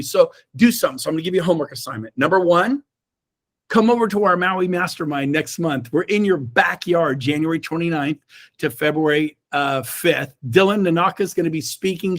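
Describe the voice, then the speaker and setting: A middle-aged man giving a fired-up motivational talk to his real estate team over a video call. He is emphatic and swings from shouts to low asides. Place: indoors, own room on a Zoom call.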